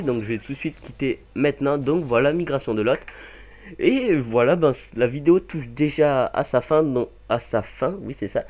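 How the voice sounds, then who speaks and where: A man's voice: medium pitch, a little mellow. A young man casually commenting over a game mod demo, rambling with many fillers and self-corrections. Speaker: gaming channel host.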